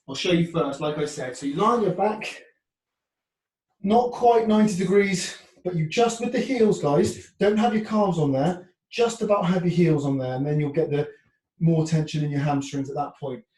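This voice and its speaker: A man's voice: a little high, a little mellow. A man coaching a workout as an instructor, giving short clipped commands, counts and form cues with encouraging check-ins. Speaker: fitness instructor. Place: indoor room, heard from a distance. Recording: echoey room, far from mic.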